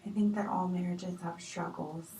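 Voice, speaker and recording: A woman plays a patient marriage counselor who speaks gently and hesitantly, filling pauses with ums. Her voice sits a little low and is picked up from a distance in an echoey room with faint noise. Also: fairly even intonation, natural voice. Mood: calm. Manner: gentle, hesitant with many fillers. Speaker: counselor in role-play. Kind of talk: amateur improvised role-play.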